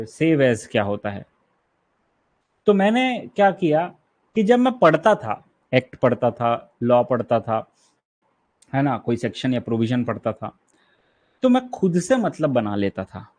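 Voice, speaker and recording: A man's voice: medium pitch, darkish tone. A man from India with an Indian accent, teaching an online exam-prep lecture. He explains key terms patiently, repeats them, and keeps checking that the students follow. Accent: Indian English.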